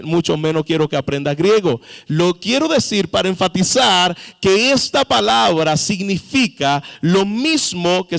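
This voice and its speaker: Pastor man preaching slow and high, gravelly voice, long church hall reverb. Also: fairly bright tone. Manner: preaching, with sudden emphatic rises and questions to the congregation. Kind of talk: sermon. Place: church sanctuary.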